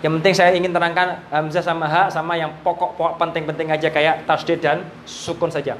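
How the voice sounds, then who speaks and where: A man from Indonesia with a Javanese accent, teaching a live Quran reading class in a relaxed way, with Javanese words mixed in. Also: on the high side, brisk, slight background noise.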